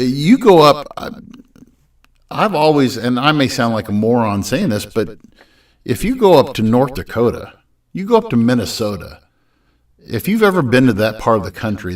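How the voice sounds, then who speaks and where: A man's voice: medium pitch, far from the mic. A man co-hosting a casual podcast, talking politics in a rambling, hesitant way full of restarts. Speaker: podcast co-host.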